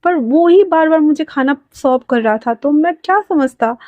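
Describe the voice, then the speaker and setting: A woman's voice: high-pitched, moderate pace, dry recording, pitched above the performer's own voice. A woman voicing a giddy, lovestruck young man who gushes and whines to his older brother. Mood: defensive. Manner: excited, whiny, gushing.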